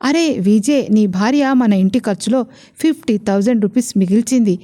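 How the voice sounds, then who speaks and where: A woman's voice: mid-range voice, normal speed, dark tone, lightly acted. A woman voicing a kindly older father-in-law in a storybook romance, speaking with heartfelt approval.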